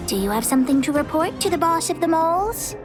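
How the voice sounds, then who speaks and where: Over game music, a woman performs a video game role as a proud, domineering little girl gang boss who talks about herself in the third person. Her voice is high and fast, with lively intonation.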